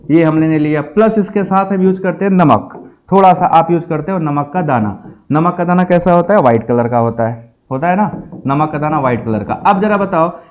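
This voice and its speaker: A man teaching a chemistry lecture, explaining slowly and asking the students questions again and again. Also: sits high, darkish tone, highs cut off. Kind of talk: classroom lecture.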